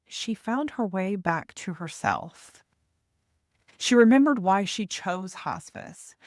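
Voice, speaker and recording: A woman giving a gentle, deliberate motivational talk as a host, pausing reflectively between phrases. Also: on the low side, dry recording, clean studio sound. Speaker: podcast host and hospice nurse coach.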